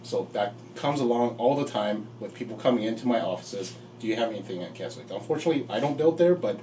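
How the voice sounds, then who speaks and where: A man talks as a home builder guest in a casual interview, relaxed and halting with fillers. His voice is fairly low. He sits back from the microphone, with a faint hiss behind him. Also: distant mic, poor audio.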